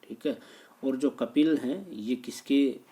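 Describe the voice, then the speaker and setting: Mellow-voiced man teaching exam answers. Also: medium pitch, slow pace. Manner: reads a question, then repeats and explains it. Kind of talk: exam question walkthrough.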